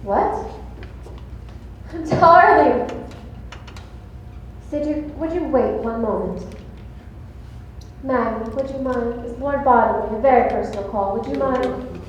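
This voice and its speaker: High-voiced glamorous actress, all gush and swoon, a woman doing it on stage, big echoey hall. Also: a little slow, a little mellow, close to an everyday voice. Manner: theatrical, breathy swooning delivery. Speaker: stage actor. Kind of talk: live community stage play. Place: large auditorium stage. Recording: echoey hall, faint room noise.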